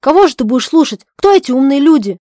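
A woman voicing a young idealistic husband, torn and despairing, pleading loudly and breaking into shouts in a dramatic stage-play reading. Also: a little high, a little fast, no echo, clean studio sound, lightly acted. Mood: pleading, indignant. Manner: loud, pleading, outbursts of shouting.

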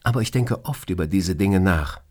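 A man voicing a cheerful, teasing woman who is the boss in an audiobook story, raising his voice high and lively for her. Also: normal speed, husky. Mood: explaining. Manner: playful, teasing. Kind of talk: audiobook character reading.

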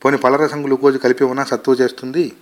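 A man's voice: mid-range voice, level tone, quick pace, natural voice. A man voicing a patient, soothing young wife. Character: calm devoted wealthy young wife.

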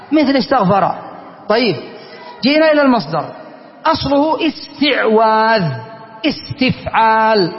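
A man teaching an Arabic grammar class, stretching out words and repeating them for his students. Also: extremely high pitch. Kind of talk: classroom lesson. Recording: dull, echoey classroom recording.

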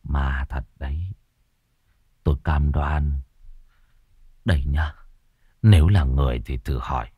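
A man voicing a superstitious older man near sixty, speaking low and hushed as he insists he saw a ghost. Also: slow, long pauses, breathy edge, dry recording, muffled recording, full character voice. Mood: hushed, insistent.

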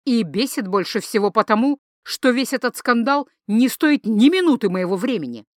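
A woman's voice: on the high side, animated, moderate pace, dry recording, clean studio sound, close to an everyday voice. A woman reading an audiobook, voicing a blunt, exasperated young woman.

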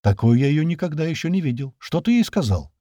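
A man voicing a weary, wry old man with a hoarse voice in an audiobook. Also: fairly high pitch, big pitch swings, brisk, warm tone, no room sound, studio quality, pitched above the performer's own voice.

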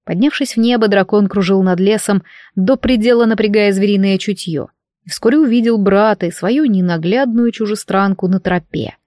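A woman reading a fantasy novel aloud in steady storytelling narration. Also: medium pitch, normal speed, no room sound, studio quality. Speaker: audiobook narrator.

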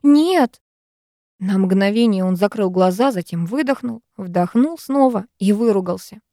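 A woman reading a first-person novel aloud, expressive and measured. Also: medium pitch, no room sound, studio quality. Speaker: audiobook reader.

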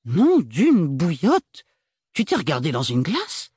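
Man doing a shrill, gushing big sister. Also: wildly swooping pitch, slow pace, darkish tone, breathy edge, no room sound, studio quality, full character voice. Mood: gushing, bossy. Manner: theatrical, gushing and bossy. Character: effusive coquettish young woman, elder sister.

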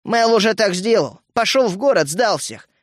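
A man's voice: high voice, expressive, moderate pace, dry recording, clean studio sound, pitched above the performer's own voice. Man doing a sullen, defiant boy outlaw. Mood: angry. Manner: sullen, spits out short angry lines. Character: tough young male rebel boy, sullen and defiant.

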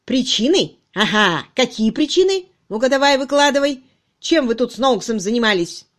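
A woman reading an angry shouting police inspector. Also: a little high, brisk, close to an everyday voice. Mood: interrogating. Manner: shouting, scolding. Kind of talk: audiobook reading.

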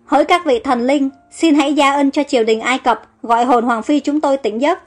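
Woman narrator doing a wailing priest, high pitched, music underneath. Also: fairly quick, natural voice. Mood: pleading. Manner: wailing, pleading. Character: panicky male temple priest.

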